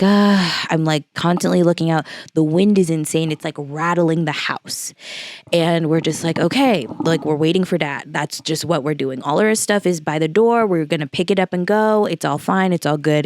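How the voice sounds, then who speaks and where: A young woman in her late twenties from the Los Angeles area tells a story in a casual vlog. Her voice sits low with a gravelly edge, and the close recording is dry. She talks loosely, with plenty of fillers and acted-out bits of dialogue. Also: normal speed, darkish tone, dry recording. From Los Angeles area, California. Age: late 20s. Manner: casual, filler-heavy retelling with quoted dialogue. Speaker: vlogger.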